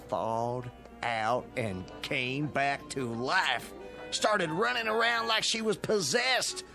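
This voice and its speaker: A man's voice: medium pitch, vocal fry, full character voice. An actor playing a gullible, long-winded Old West townsman in old-time radio drama style, with a rustic, rambling way of telling things. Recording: loud music under the voice.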